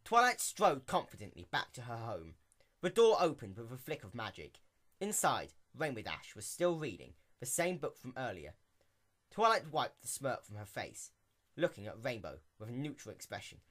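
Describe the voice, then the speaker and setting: Male storyteller for dramatic reading: emphatic, theatrical, mid-pitched, very animated. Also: moderate pace. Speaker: narrator. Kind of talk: dramatic scripted story narration.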